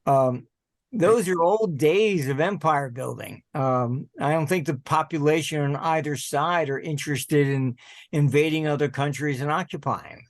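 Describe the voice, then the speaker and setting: An older American man being interviewed as a guest, who talks in a halting, digressive way and often clears his throat. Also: fairly high pitch, dry recording, clean studio sound. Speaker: guest, market analyst. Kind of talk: conversational interview.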